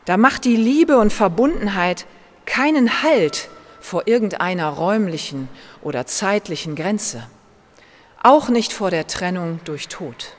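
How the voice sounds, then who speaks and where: A German-accented woman pastor delivers a sermon at an unhurried, deliberate pace. Her voice sits at a middling pitch and carries a long church reverb around it. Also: lively intonation. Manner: slow, measured preaching with gentle emphasis.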